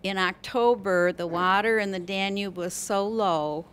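A woman's voice: mid-range voice, measured pace, fairly bright tone, a little hiss or hum. An older woman in the audience telling a travel story in a casual, chatty way. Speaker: audience member. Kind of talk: casual chat. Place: library meeting room. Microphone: far camera.

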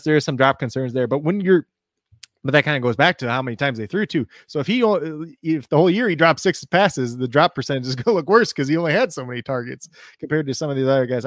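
A man rattles off stats at speed on a podcast panel. His voice sits mid-range and sounds dry and close, with no room around it. He talks casually and builds his case quickly. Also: medium pitch, dry recording. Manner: fast, stat-heavy, animated arguing. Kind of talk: casual fantasy football chat.

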